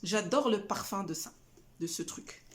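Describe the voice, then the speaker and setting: A woman's voice: medium pitch, expressive, measured pace. A middle-aged woman casually chatting about her shopping haul, hesitant with many fillers and restarts. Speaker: family vlogger showing a shopping haul. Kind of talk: casual haul chat to camera.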